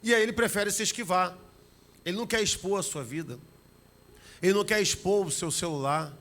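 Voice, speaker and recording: High bright-voiced Brazilian pastor preaching. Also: male voice, fairly quick. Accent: Brazilian Portuguese, Rio de Janeiro. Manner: animated preaching, acts out family scenes. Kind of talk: sermon.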